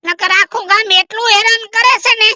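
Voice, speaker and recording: A man's voice: very high-pitched, steady tone, fairly quick, heavy background noise. A man playing a grumpy old village man whose wife has left, complaining and cursing in a theatrical way. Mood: scolding. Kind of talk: rustic comedy sketch acting.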